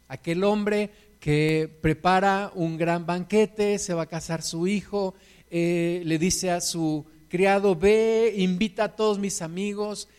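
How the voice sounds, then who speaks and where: A man with a Mexican Spanish accent preaching a sermon, passionately swinging between loud emphatic peaks and soft low asides, repeating scripture lines like refrains. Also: smooth.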